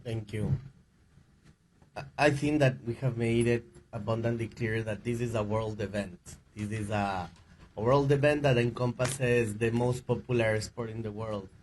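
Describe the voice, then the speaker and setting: A man's voice: fairly low pitch, steady tone, moderate pace, a little mellow, slight background noise. A man from Ecuador speaking as a panelist at a press conference, earnest, with frequent restarts. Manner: earnest, with restarts and repeated words. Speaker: panelist advocate.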